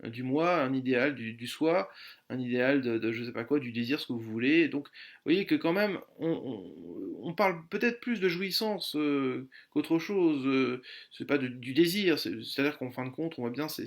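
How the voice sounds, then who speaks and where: Hesitant man musing over a painting. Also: mid-range voice. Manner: hesitant, many repeated words and fillers; musing, describing a painting detail by detail. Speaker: art commentator. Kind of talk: spoken art commentary.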